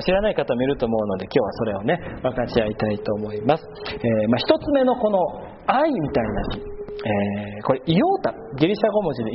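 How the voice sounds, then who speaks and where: A male pastor giving a sermon, patiently explaining and pausing with long drawn-out fillers between phrases. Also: on the high side. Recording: muffled with steady background noise.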